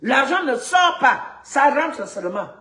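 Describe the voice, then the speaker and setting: A woman's voice: high voice, very animated, measured pace, a bit bright. Indignant woman ranting in an echoey room. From Gabon. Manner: indignant, repeats words when stuck. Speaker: activist vlogger. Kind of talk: heated ranting monologue.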